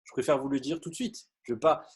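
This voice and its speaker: Earnest husky man giving a motivational talk. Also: medium pitch, quick pace. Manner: earnest, repetitive, many fillers and restarts. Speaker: business opportunity speaker. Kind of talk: motivational talk on a video call. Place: video call.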